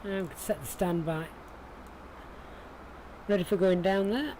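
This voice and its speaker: Heard through a rough recording with clear background noise, a high-sitting male voice with a darkish tone keeps a measured pace. He's a Sheffield native with a Yorkshire accent, casually narrating a flight simulator livestream while thinking aloud and talking with his viewers.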